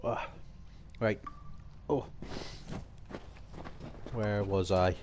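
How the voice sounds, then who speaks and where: A man's voice: fairly low pitch, steady tone, very slow, background noise. Man chatting on a live stream. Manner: chatty, rambling, reads out viewer messages. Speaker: livestreamer. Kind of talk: casual live-stream chat. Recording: music playing in the background.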